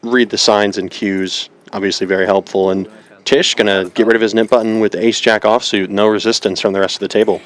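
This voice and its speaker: A young man with a fairly low voice works as a poker commentator. He talks through the game in measured, articulate phrases. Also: flat delivery.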